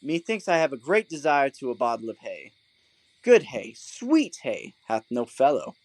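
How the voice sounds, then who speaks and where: A man's voice: medium pitch, very animated, normal speed, no room sound, rough recording. A man as Bottom, pompous, swooping donkey-man. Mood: contented, drowsy. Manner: pompous, mock-courtly, leisurely. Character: pompous, foolish Bottom, a man turned donkey, lordly and drowsy. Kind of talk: Shakespearean comic audio drama.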